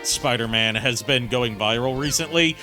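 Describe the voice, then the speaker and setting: A man's voice: medium pitch, moderate pace, pushed and bright. A man casually commentating on a live game stream in a crude, jokey, rambling way. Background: faint music.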